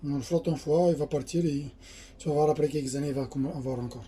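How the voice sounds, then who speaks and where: A man with a Quebec French accent explaining things aboard a sailboat, pausing and restarting as he talks. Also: a little high, steady tone, warm tone, slight background noise. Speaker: sailing vlog co-host. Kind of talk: casual explaining. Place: aboard a sailboat at a dock, outdoors.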